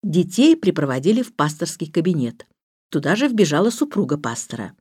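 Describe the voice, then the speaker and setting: A woman narrating a children's storybook in a steady, expressive reading voice. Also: sits low, brisk, slightly rough, no echo, studio quality. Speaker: audiobook narrator.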